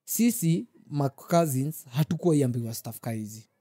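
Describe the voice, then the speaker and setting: A man's voice: medium pitch, animated, brisk, mellow, slightly rough, no room sound, studio quality. A young man with a Kenyan accent chatting casually in street slang and telling stories to friends. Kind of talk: casual group discussion and storytelling.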